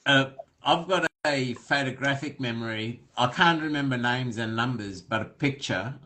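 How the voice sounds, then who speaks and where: A man's voice: medium pitch, normal speed, sharp tone, rough recording. A man hosting a casual interview, friendly and conversational, asking his guest direct questions. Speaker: podcast host interviewer.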